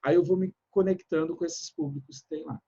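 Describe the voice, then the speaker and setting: Brazilian-style lively talker, muffled call audio. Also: male voice, fairly high pitch, slightly rough. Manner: energetic, shifts between fast and slow, loud and soft. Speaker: speaker on productivity and communication. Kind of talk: live online chat talk. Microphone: video call.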